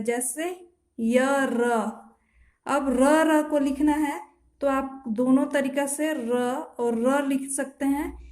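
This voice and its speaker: Lady shorthand teacher, high voice, slow and repetitive, roomy echo. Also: a little mellow. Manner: slow, repeats each sound and asks "what to read?". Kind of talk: step-by-step spoken lesson while writing. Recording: echoey room.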